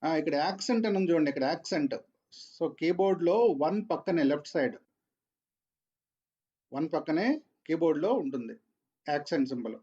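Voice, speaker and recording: A man's voice: fairly high pitch, fairly quick, long pauses, mellow, husky, muffled recording. A man teaching a programming class online, repeating his points patiently. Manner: repeats points, mixes English into Telugu.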